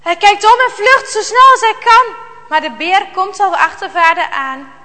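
High, bright-voiced woman telling a story. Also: long reverb tail. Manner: dramatic, slow storytelling with hushed tension. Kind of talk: children's Bible story reading.

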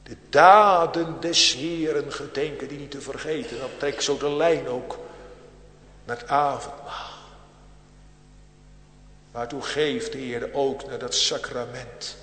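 A man preaching a sermon to a congregation, with a solemn cadence that swells and drops in loudness and archaic biblical phrasing. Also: medium pitch, fairly even intonation, takes it slowly, pauses often, a little hiss or hum. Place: large church. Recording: echoey church hall with long reverb.

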